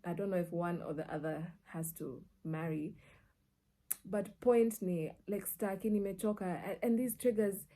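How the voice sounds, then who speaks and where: A woman with a Kenyan accent speaks at a moderate pace in a voice on the low side. A media personality and storyteller, she tells personal stories casually, switching into Swahili and expressively acting out dialogue and reactions.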